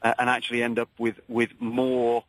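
A man with an English accent calling a radio show, earnest and polite, speaking in hesitant, halting phrases. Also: mid-range voice, monotone, fairly bright tone, no room sound, poor audio. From England.

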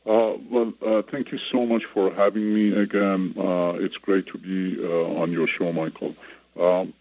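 A man from Iran, a radio show guest whose voice runs through a voice changer to hide who he is, giving a steady report-like briefing. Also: low voice, measured pace, no room sound. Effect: voice changer disguising his voice. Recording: dull lo-fi radio broadcast.

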